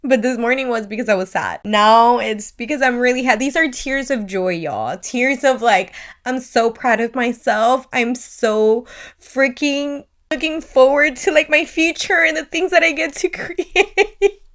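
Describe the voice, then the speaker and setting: A young woman speaks in a personal vlog, her voice pitched a little high. She is crying through her words, heartfelt and full of fillers. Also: normal speed, a bit bright. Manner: tearful, heartfelt, with many fillers. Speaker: therapist and coach vlogger.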